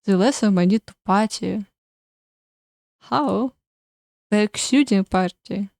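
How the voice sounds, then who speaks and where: A woman's voice: medium pitch, slow pace, vocal fry, darkish tone, no room sound, studio quality. A woman voicing a cheerful, laid-back male party demon in a dating game, breezy and jokey. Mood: playful. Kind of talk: reading a game character aloud.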